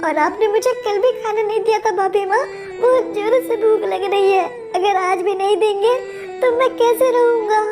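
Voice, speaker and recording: A man's voice: very high voice, normal speed, loud music behind the voice, pitched above the performer's own voice. A man voicing a timid, hungry young boy who pleads and apologizes to a cruel sister-in-law in a game story video. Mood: begging.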